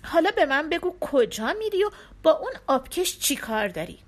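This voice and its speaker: A woman's voice: high voice, sing-song. A woman voicing a bent, toothless old beggar woman with a trembling voice in a storybook tale. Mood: kindly.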